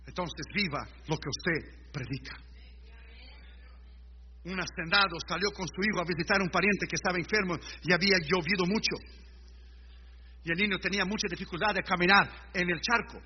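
A high-pitched male preacher tells stories from the pulpit, mixing Spanish and English and hammering points through repetition. The recording is dull and lo-fi, with loud hiss underneath. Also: normal speed, long pauses. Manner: storytelling, switching between Spanish and English. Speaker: pastor. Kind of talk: sermon.

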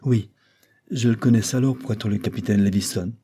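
A man's voice: on the low side, brisk, dark tone, slightly rough. A man voicing a young woman witness who answers with trembling, indignant outbursts in an audiobook. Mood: defensive.

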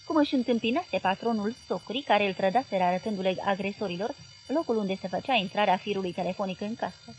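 A woman narrating a literary audiobook in a measured, clear reading style. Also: mid-range voice, soft background music.

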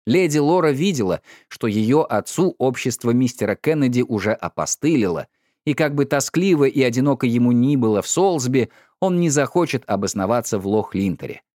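A man narrating an audiobook in an expressive, dramatic storytelling manner. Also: mid-range voice, fairly quick, dry recording, studio quality. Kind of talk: scripted narration.

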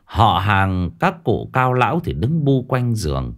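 A male storyteller telling a ghost story. His voice sits low, and his pitch rises and falls a great deal as he narrates. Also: measured pace. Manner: lively, expressive storytelling.

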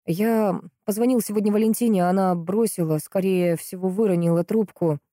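A woman's voice: medium pitch, warm tone, no echo, clean studio sound, natural voice. Woman reading a flustered young man. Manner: hurried, puzzled.

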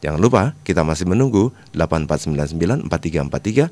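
A man's voice: deep voice, lively intonation, very fast, darkish tone. A man presenting a live radio call-in show as its host.

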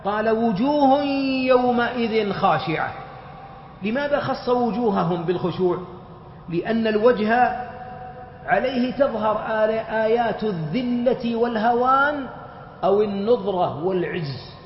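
A man giving a religious lecture, explaining points through lively everyday examples. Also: sits high, normal speed, slight background noise. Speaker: religious teacher. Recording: muffled, echoey hall.

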